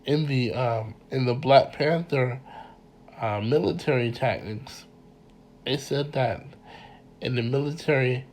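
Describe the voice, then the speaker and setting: A man with a congested voice giving an informal mini lecture, halting and repeating words as he speaks earnestly to his listeners. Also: mid-range voice, darkish tone, a little hiss or hum. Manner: earnest, addresses listeners directly. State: congested from a cold.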